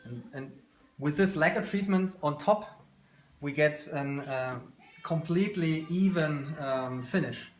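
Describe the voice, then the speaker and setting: With a fairly high pitch and a measured pace, the company founder walks through his small indoor workshop, explaining his work informally. He's in his thirties, speaks with a German accent, and often reaches for words. A handheld camera a couple of metres away records roomy video, with clicks and background noise.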